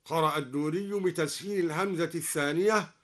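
A man introducing a Quran recitation on live radio, explaining reading variants and then chanting each verse slowly. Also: a little high, a bit bright. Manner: alternates plain explanation with slow melodic chanting.

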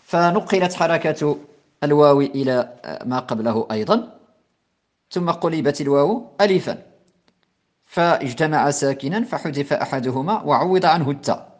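A man giving a recorded lesson on Arabic word forms, explaining slowly with frequent repetition and restarts. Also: medium pitch, expressive, a little mellow. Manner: slow, repetitive teaching with many restarts and fillers. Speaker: Islamic scholar teaching Arabic morphology.

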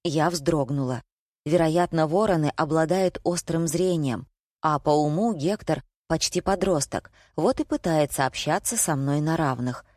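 A woman narrating an audiobook in the first person with lively, expressive storytelling. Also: sits low, measured pace, no room sound, studio quality.

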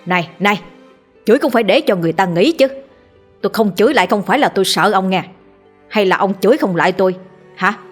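A woman's voice: medium pitch, fast, long pauses, faint music behind, lightly acted. A woman voicing a bumbling, cranky old man who squawks indignantly.

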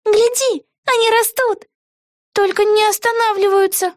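A woman reading a storybook aloud and voicing an anxious, cautious young girl witch in a very high voice. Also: fairly even intonation, unhurried, no room sound, clean studio sound. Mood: excited. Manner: worried, earnest.

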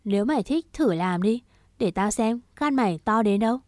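Một người phụ nữ đọc giọng một chàng trai trẻ cứng rắn, che chở, nói dứt khoát và đầy đe dọa. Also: female voice, a little high, animated, normal speed, darkish tone, no room sound, clean studio sound, close to an everyday voice. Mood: cold. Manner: firm, clipped and threatening. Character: stern protective young man, cold and resolute.

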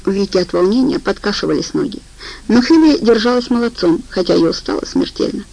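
A woman narrating a detective novel as an audiobook reader, in a steady, measured reading voice. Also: medium pitch, vocal fry, rough recording. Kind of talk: scripted narration.

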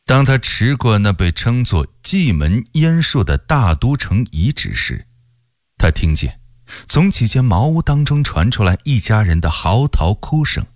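Slow, expressive male radio storyteller. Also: sits low, no echo, studio quality. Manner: expressive and unhurried, with wide swings of voice. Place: radio studio.

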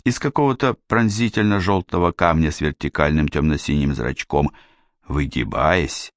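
A man narrating a fantasy audiobook in a measured, steady storytelling manner, close to the mic. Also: a bass voice, no room sound.

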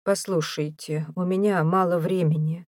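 A woman voicing a wry, brisk middle-aged male priest in an audiobook, dry and matter-of-fact. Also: fairly low pitch, fairly even intonation, a little mellow, no room sound, natural voice.

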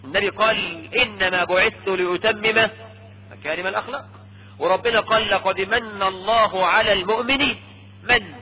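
A man preaching a lecture sermon in an Egyptian Arabic accent, lively and teasing, often checking his audience with a quick question. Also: high-pitched. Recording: dull lo-fi lecture tape with faint hum.

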